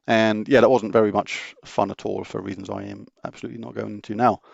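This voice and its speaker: A middle-aged British man hosts a gaming channel, casually fielding viewer questions in an open, matter-of-fact Q&A that rambles and restarts. His voice sits on the low side with little pitch movement, fast and gravelly. The recording is dry with no room sound, and the highs are cut off.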